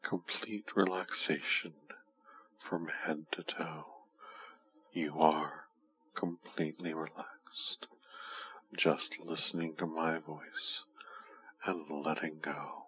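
A man guides a hypnotic relaxation in a slow, soothing, breathy murmur that often slips into a whisper, intimate as if right in the listener's ear. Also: extremely low pitch, level tone, a bit bright, dull audio. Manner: slow, soothing, repetitive, lulling. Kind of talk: hushed guided hypnosis, ASMR-like induction.

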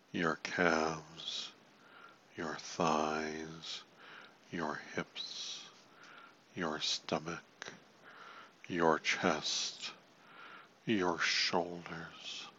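Very slow, low-voiced man guiding hypnosis. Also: lo-fi sound, slight background noise. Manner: soothing, repetitive, hushed at phrase ends. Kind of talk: guided relaxation hypnosis.

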